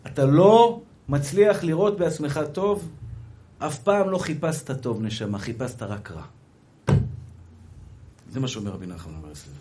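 Man, rabbi, high voice, Breslov sermon, hushed asides, loud repeated emphasis, acted-out dialogue. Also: lively intonation, long pauses. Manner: swings from soft murmurs to loud emphatic repetition; acts out dialogue in storytelling.

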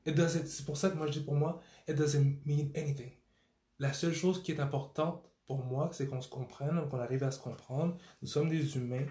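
A man's voice: a little high, fairly even intonation, moderate pace, warm tone. A man with a Québécois French accent in a casual conversation, slipping into English with frequent restarts. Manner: code-switches into English, many restarts. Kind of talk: casual chat.

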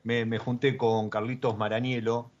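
A man's voice: medium pitch, level tone, moderate pace. A man with an Argentine accent hosting a casual chat about wine, with many fillers and restarts. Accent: Argentine Spanish. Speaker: wine show host. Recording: dull lo-fi audio.

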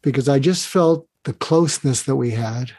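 A man's voice: mid-range voice, moderate pace, a little mellow, slightly rough, no room sound. A man speaking as a podcast guest, earnestly guiding the listener through an exercise and often repeating words as he restarts his phrases. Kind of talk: casual interview talk.

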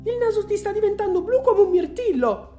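A woman's voice: lively intonation, brisk, dark tone, soft background music. A woman voicing a frantic, shrieking middle-aged mother in a storybook reading. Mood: panicked. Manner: screeching, panicked, very high.

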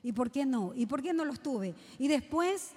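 A woman's voice: high voice, animated, normal speed, a little mellow. A woman preaching a sermon to young people, asking the congregation rhetorical questions. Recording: long hall reverb.

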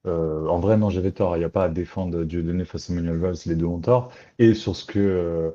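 A man with a low, mellow voice talks through his thoughts in a casual discussion. He hesitates, starts over and searches for words. The recording sounds dull and lo-fi. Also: fairly even intonation, fairly quick. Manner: hesitant, restarts often, thinks aloud.

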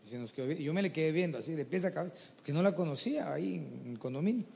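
Man, preacher, high lively voice, gravelly edge, long church reverb. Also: very fast. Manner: animated, folksy, mimics people he talks about. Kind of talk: sermon.

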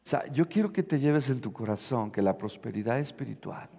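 A man's voice: medium pitch, animated, brisk, gravelly, dark tone, in a large hall. A male pastor preaching a sermon. He mixes Bible reading with emphatic asides and questions to his congregation.

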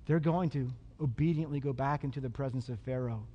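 A man's voice: mid-range voice, fairly quick, dull audio. A man pastor preaching a sermon, emphatic and fond of repeating his lines for effect, in a church sanctuary. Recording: long hall reverb.

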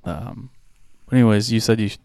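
A man's voice: fairly low pitch, steady tone, a little fast, gravelly, darkish tone, clean tone, dry recording. A man co-hosting a podcast, talking casually and trailing off into mumbles. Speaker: podcast co-host. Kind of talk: casual chat.

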